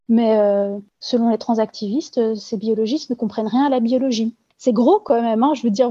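French woman, muffled dark voice. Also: on the high side, husky, no echo. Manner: hesitant, many fillers and restarts. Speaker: interviewee giving testimony. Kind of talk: earnest spoken testimony.

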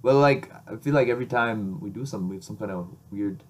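A man's voice: fairly low pitch, fast. A young man co-hosting a casual podcast, teasing his friend in a dry, easygoing way. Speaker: podcast co-host. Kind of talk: casual chat.

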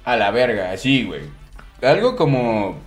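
Joking Mexican man with lively slang. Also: medium pitch, a little slow. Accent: Mexican Spanish. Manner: joking, teasing, slangy interjections. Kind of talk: casual podcast chat. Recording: echoey room with faint music.

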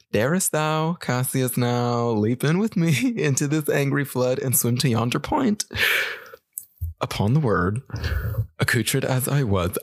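A bubbly young Valley Girl , as a man puts her on, launches into a grand Shakespeare speech with a swinging, lively pitch. The voice is close and dry, with no room around it. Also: no room sound. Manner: declaiming a Shakespeare monologue in a put-on teen voice.

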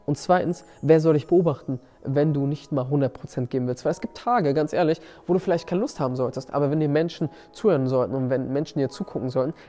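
This motivational podcast host, also a seminar coach, talks quickly with few pauses in a warm, slightly high voice. His speech is emphatic, full of repeated key words and frequent restarts.

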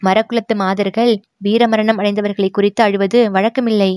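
A woman's voice: medium pitch, level tone, moderate pace, a little mellow, dry recording, lightly acted. Woman reading a stern, proud royal princess for an audiobook, dry close sound. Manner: stern, reproachful.

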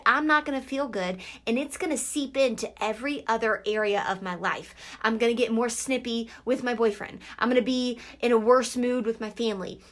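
A woman's voice: a little high, fairly bright tone. A young adult woman hosting a casual motivational podcast, recorded inside a closet, talking in an upbeat, emphatic way and repeating phrases for punch. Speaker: podcast host and nutrition coach.

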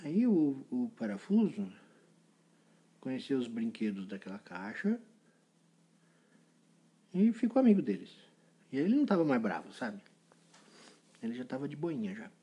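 Man, playful storyteller, very lively pitch, mellow husky voice. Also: normal speed, long pauses. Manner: playful, animated storytelling with sound effects. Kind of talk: improvised children's story.

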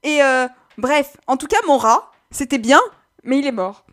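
A woman reading aloud and voicing a childish, excitable young man who wails and squeals. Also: a little slow. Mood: excited. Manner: shrill, wailing, overexcited.

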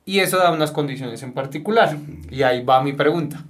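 A man's voice: on the high side, brisk. A man from Colombia, a teacher, interviewing a guest; he hesitates and gives lots of context before he asks. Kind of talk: conversational interview.

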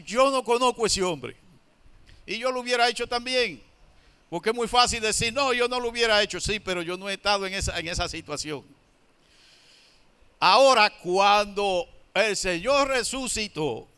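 A man preaching a sermon. His voice is high, bright and very clear. He slows down to stress points and answers his own questions.

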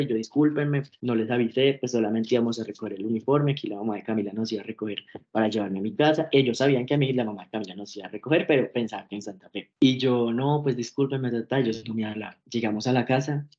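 A man's voice: mid-range voice, highs cut off. A young man, telling his story as an interview guest in a casual way and acting out the voices of the people in it. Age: young adult. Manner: animated, acts out quoted dialogue.

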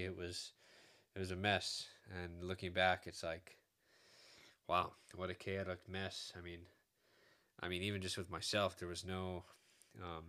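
A man hosting a podcast in a casual, reflective chat, speaking in a halting, introspective way. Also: low-pitched, pushed and bright. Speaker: podcast host.

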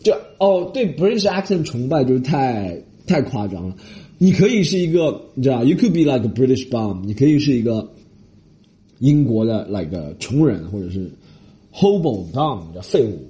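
A male comedian with a Mandarin Chinese accent runs a casual, joking monologue on his podcast. His voice is mellow and warm, and his pitch swings widely. He drops English phrases in and mocks other people's voices. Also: moderate pace. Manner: animated, mixes English phrases, mocking voices.

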